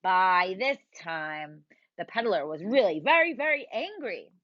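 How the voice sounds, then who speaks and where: A woman teacher reading a picture book aloud to young children, expressive and drawn out, asking them questions, in a dull lo-fi recording. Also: medium pitch, measured pace, no echo. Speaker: preschool teacher.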